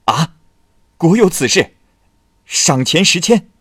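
A man voicing a drunk, boastful male scholar who shouts and slurs with stumbling fillers. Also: mid-range voice, very animated, slow pace, no room sound, clean studio sound, pitched above the performer's own voice. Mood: elated. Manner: shouting, slurring with hesitant fillers.

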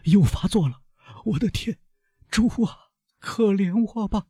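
A stricken old household servant, as a male reader puts him on, answering in feeble murmurs and then breaking into frightened, pleading cries. The voice sounds husky and rough, swings widely in pitch, and sits in a dry, close audiobook recording. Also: very animated, measured pace, a little mellow, no echo, heavily acted. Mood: terrified. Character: servant man, poisoned, weak, then panicking.

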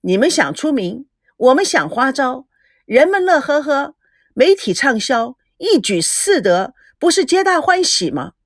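A woman voicing a sneering male tabloid reporter with a taunting, drawn-out mocking delivery. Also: high voice, sing-song, no room sound, clean studio sound, pitched above the performer's own voice, heavily acted.

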